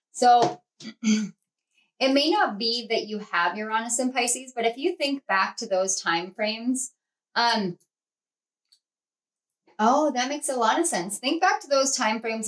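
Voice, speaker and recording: On poor audio, a woman with a mid-range, slightly bright voice hosts a pick-a-card tarot reading for her channel. She speaks earnestly to her viewers collectively, rambling conversationally and often restarting or using fillers.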